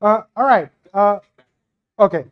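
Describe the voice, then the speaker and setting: Speaking at a measured pace in a high voice, this young astronomy researcher with a Brazilian accent and native Portuguese delivers a casual, self-mocking science talk. He holds a handheld microphone at a live event, and the audio comes through muffled.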